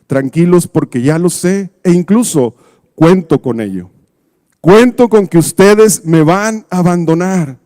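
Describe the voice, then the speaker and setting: A man voicing a calm, tender Jesus. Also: sits high, dry recording, studio quality. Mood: reassuring. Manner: soft, slow and reassuring.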